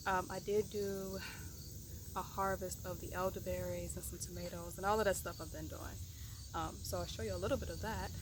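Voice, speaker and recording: Woman host, lowish voice, easygoing and rambling with lots of "um" and "really, really", recorded outdoors in a garden with crickets chirping. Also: brisk, noisy background. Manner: relaxed, rambling, many ums and repeated "really, really". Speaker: home gardener giving an herb tour. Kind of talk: casual garden tour vlog. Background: crickets and insects.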